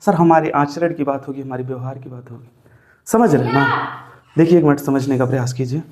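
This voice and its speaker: A man's voice: medium pitch, fairly quick, background noise. A man teaching English grammar in a classroom style, dictating notes and coaxing viewers with repeated questions, mixing English terms into his talk. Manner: repetitive, coaxing, addresses viewers as brother and sir; dictates notes, tells viewers to write things down.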